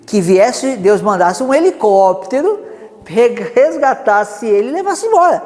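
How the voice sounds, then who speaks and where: A Brazilian man preaching a sermon, telling a story with lively asides. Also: very high-pitched, long reverb tail. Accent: Brazilian Portuguese. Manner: animated storytelling with many asides.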